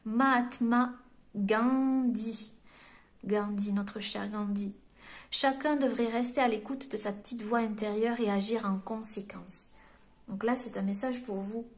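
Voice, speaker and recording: French woman, medium type, soft and encouraging, reads card quotes to viewers, a touch high-voiced. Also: fairly even intonation, unhurried. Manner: gentle and encouraging, reads quotes aloud then explains them. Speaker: medium giving a card reading. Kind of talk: spiritual card reading to viewers.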